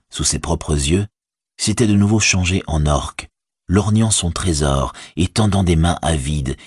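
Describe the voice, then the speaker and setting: A man narrating an audiobook in a measured, even storytelling manner. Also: extremely low pitch, slightly rough, no room sound, clean studio sound. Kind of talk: scripted narration.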